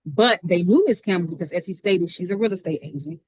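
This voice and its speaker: A woman attorney makes her case in a remote hearing, rattling off her points at speed. Her voice sits a little low and comes through husky. The sound is dry, with no room echo at all. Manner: fast-talking. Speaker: defense attorney. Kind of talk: courtroom argument. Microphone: video call.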